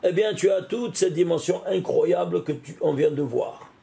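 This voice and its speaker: A man, a rabbi, giving an animated Torah lesson, often exclaiming and putting questions straight to the listener. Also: high voice, moderate pace, gravelly. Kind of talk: lively spoken Torah lesson.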